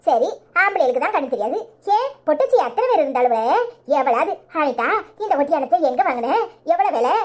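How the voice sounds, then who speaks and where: Woman doing a sulky fashion-mad village wife, tirunelveli accent, fussy and whiny, pretty high voice. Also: sing-song, a little fast. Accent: Tirunelveli Tamil. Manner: sulky, complaining, indignant.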